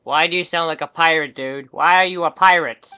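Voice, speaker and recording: A man giving casual, laid-back commentary while playing a game, with excited bursts. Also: on the high side, a little fast, clear, resonant tone, highs cut off. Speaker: gaming streamer.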